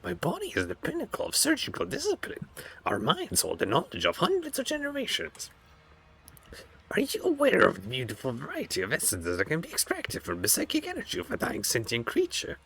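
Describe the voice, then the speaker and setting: A man voicing an arrogant, sadistic alien flesh-sculptor from a video game, grandiose and menacing, in a strained, often breathy voice. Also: a little high, wildly swooping pitch, fairly quick, fairly bright tone, pitched above the performer's own voice, full character voice, poor audio. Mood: boastful, grandiose. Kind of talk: video game dialogue read aloud in character.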